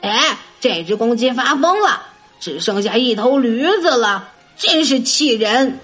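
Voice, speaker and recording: A woman's voice: fairly high pitch, lively intonation, a little slow, fairly bright tone, husky, soft background music, heavily acted. A woman voicing a hungry, sly and cowardly male wolf in a children's story, stammering and whining. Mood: scheming.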